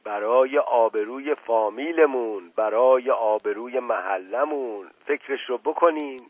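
A man's voice: mid-range voice, husky, no room sound, close to an everyday voice. A man voicing an older family patriarch who speaks in an imperious, indignant tone. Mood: outraged. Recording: tinny phone-like dry recording.

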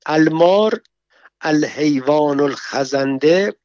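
A man voicing a squeamish, quick-tempered Persian man who speaks slow, halting broken Arabic in a read-aloud story. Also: a little high, a little mellow, dry recording, dull audio, close to an everyday voice. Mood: whining.

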